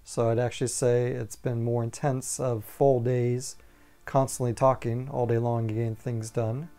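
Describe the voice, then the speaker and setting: Gravelly man in his forties. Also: medium pitch, little pitch movement, a little slow, dark tone. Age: 40s. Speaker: interviewee. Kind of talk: documentary interview answers.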